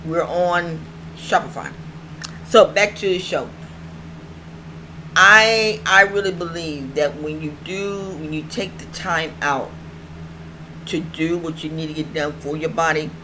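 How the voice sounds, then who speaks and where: A middle-aged woman with a low, sharp-toned voice rambles casually while hosting her own online show, speaking in a toothless, slightly slurred way and often repeating phrases for emphasis. It's a casual vlog chat, and the home recording is clearly noisy.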